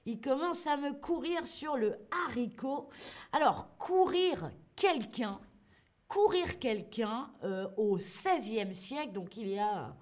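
A woman teaching expressions in a live online lesson, playful and quizzing the viewers. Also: on the high side. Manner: lively, playful, asks learners questions and answers chat. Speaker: French teacher.

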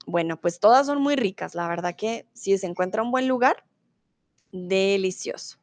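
A woman's voice: medium pitch, normal speed, no echo. A woman from Bogotá, Colombia, teaching a live online Spanish class in a friendly manner and reading out her students' comments. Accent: neutral Bogotá Colombian Spanish. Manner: friendly, reads student comments aloud with laughs.

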